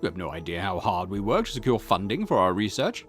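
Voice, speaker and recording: A man voices a conceited, irritable historian and occult researcher in acted visual novel dialogue, sounding pompous, snappish, condescending, lecturing, and self-important. His voice is on the low side, with big pitch swings and a fast pace, over soft background music.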